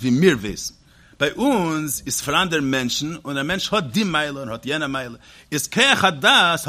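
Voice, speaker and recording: A man gives a Talmudic-style lecture at a racing pace, his pitch leaping up and down as he reasons aloud. His voice is husky and sharp-edged, pitched somewhat high. He doubles back with repeats and restarts, and he reels off quoted Hebrew passages in quick chanted runs. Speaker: teacher.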